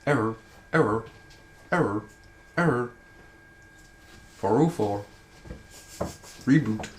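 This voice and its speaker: A man's voice: mid-range voice, expressive, takes it slowly. A man voicing a glitching male robot that repeats error messages like a crashing machine. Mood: malfunctioning.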